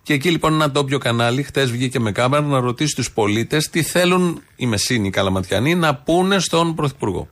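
A man's voice: medium pitch, expressive, fairly bright tone. Sarcastic male talk-show host. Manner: sarcastic, mocking asides. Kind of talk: casual satirical political banter.

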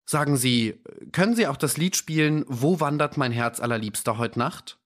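Man doing a weary, heartbroken gentleman. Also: medium pitch, normal speed, pitched above the performer's own voice, natural voice. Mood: weary moodiness. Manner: weary and moody.

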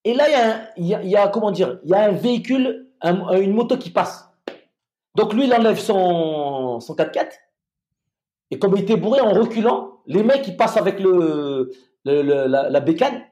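A middle-aged man with a fairly high voice tells a story from his time as a soldier in a relaxed, conversational way. He stumbles and restarts often, filling gaps with hesitations, then pushes on with vivid detail. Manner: halting, many restarts and fillers, vivid retelling. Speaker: former soldier telling his experience.

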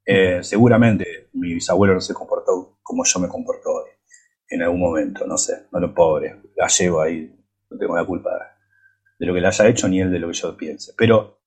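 A man's voice: deep voice, normal speed, a little mellow, husky. A man from Buenos Aires with an Argentine accent, debating in a reflective, hesitant way with frequent restarts. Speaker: podcast panelist. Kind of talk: casual debate.

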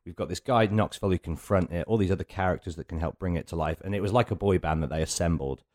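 Low-voiced British man hosting a chat. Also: quick pace, darkish tone. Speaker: podcast host. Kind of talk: casual interview chat.

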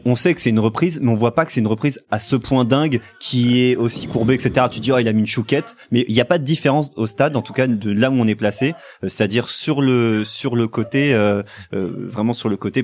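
A man's voice: mid-range voice, brisk, few pauses. A man giving casual French sports commentary as a pundit, colloquial and teasing with his colleagues. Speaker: football pundit.

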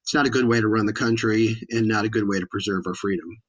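An American man speaking as an expert guest in an interview, explaining politics in an emphatic but halting way. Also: fairly low pitch, steady tone, muffled recording.

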